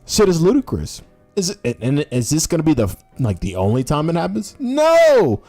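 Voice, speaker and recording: A male political streamer delivers a scornful, sarcastic exposé off the cuff. His voice sits a little high and leaps dramatically up and down. He is blunt and profane, hammering points home with rhetorical questions. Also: big pitch swings, a little fast, darkish tone, faint music behind. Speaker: political livestreamer. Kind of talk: unscripted political rant on a livestream.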